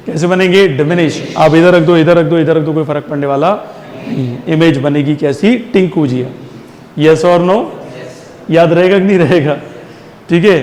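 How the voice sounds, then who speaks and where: High-voiced man teaching in an echoing hall. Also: darkish tone. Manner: call-and-response questioning, drills answers with repeated questions; mixes Hindi with English terms. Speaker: science teacher. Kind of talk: classroom physics lesson. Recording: long reverb in a hall.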